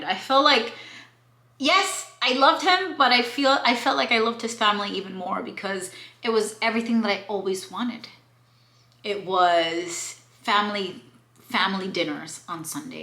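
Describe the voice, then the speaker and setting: A woman in her late twenties, originally from Cuba, speaks candidly and emphatically in a casual confessional vlog. Her voice sits at an average pitch for a woman. The sound carries a noticeable echo, as if she is recording in a bare room. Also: a bit bright. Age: 20s. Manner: candid and emphatic, with playful slang. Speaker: book reviewer. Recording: roomy echo.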